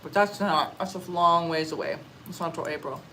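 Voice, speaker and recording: A young woman from Canada chatting casually on a livestream while eating, answering comments in a relaxed, chatty way with little murmurs of enjoyment. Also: low-pitched, normal speed, a little hiss or hum, rough recording. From Canada (Ontario). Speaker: livestream vlogger. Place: outdoors or open space in a warm country.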